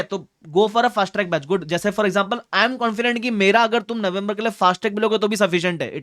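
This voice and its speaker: A man's voice: high voice, a bit bright, no echo, studio quality. A young man coaching exam students, talking directly and like an older brother, often checking that they follow. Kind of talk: advice talk to students, mixing in English phrases.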